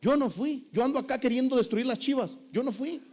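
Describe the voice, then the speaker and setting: A man's voice: extremely high pitch, brisk, darkish tone. Man playing weary devil, exasperated, protesting innocence, comic sermon bit. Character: put-upon devil, male, weary, denying blame.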